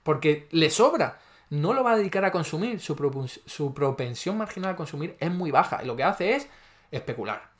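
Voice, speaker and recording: A man with a fairly high voice argues his point in a video monologue. He is combative, keeps pressing with rhetorical questions and sarcasm. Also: expressive, moderate pace. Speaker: economist commentator, channel host.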